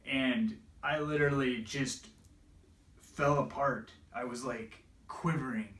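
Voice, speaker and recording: A man's voice: mid-range voice, fairly even intonation, slow pace, fairly bright tone. A man telling an emotional personal story, tearful and laughing through it, his voice breaking. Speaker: vlogger. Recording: roomy echo, distant from mic.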